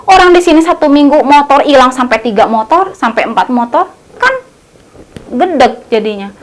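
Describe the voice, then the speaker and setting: A woman's voice: sits high, expressive, moderate pace. Woman doing a resentful male villager, exasperated, complaining, near her natural voice.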